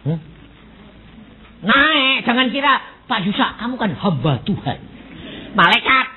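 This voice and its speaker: Seorang pendeta pria berusia lanjut dengan logat Jawa, berkhotbah sambil bercerita dan memerankan suara orang-orang dalam kisahnya. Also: male voice, extremely high pitch, a little slow, slightly rough. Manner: animated, acts out quoted voices, mixes Javanese words. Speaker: pastor. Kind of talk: sermon with storytelling. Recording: tinny phone-like recording with faint noise.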